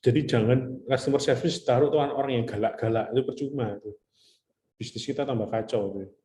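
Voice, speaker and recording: A man lectures a class in a relaxed, chatty way, dropping English terms in and telling stories from his own experience. His voice is mellow and dark. The room gives it a clear echo. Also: medium pitch, a little fast. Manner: chatty, mixes in English terms, tells anecdotes.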